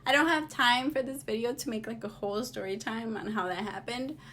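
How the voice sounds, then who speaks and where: A woman's voice: fairly high pitch, brisk, pushed and bright, slight background noise. A woman in her twenties chatting casually as she answers viewer questions, blunt, sassy and slangy with no filter. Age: 20s. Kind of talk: casual confessional Q&A chat.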